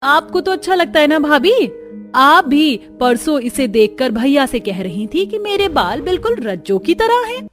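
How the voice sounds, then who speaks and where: Woman voicing a prickly young cartoon girl, high-pitched, indignant, music behind. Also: big pitch swings, moderate pace. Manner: indignant, raised voice. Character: touchy young unmarried woman, quick to anger.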